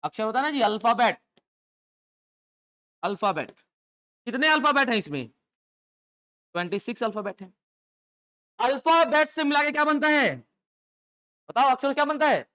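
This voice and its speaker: A male teacher delivering a live lecture to a room of students, pausing often to quiz them and draw answers back in chorus. His delivery swings between raised, emphatic questions and quieter asides as he explains the basics step by step. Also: very high-pitched. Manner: call-and-response questioning, lively rhetorical checks. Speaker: English teacher for exam coaching. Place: classroom with students.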